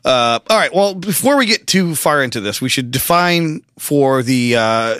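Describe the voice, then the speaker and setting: A man's voice: mid-range voice, lively intonation, normal speed, fairly bright tone, clean tone, dry recording, clean studio sound. A man co-hosting a podcast in casual chat, playful and jokey, often laughing. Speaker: podcast co-host.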